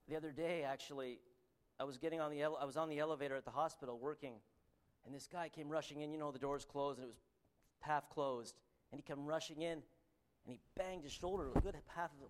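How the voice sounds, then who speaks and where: A man with a Canadian accent and a slightly high voice preaches a sermon and reads from scripture. He sounds earnest but halting, often saying "um" and starting over.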